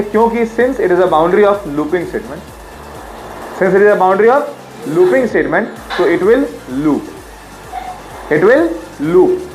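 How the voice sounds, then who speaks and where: सवाल दोहराता हुआ हिंदी-अंग्रेज़ी शिक्षक. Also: male voice, high-pitched, low-quality recording. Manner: quizzing, repeats questions, drills pronunciation. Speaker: teacher. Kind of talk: classroom lecture.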